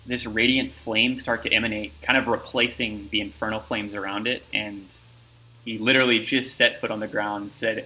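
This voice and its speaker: A man's voice: on the low side, pushed and bright, low-quality recording. A man narrating a tabletop game as game master, talking loosely with lots of fillers and restarts.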